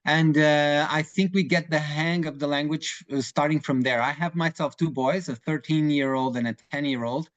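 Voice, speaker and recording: A Portuguese lawyer in his forties advises clients in a webinar discussion, speaking English with a Portuguese accent as a native Portuguese speaker. His voice is on the high side with a steady tone and moderate pace, hardly pausing, yet he's hesitant, full of fillers and restarts. The recording sounds muffled.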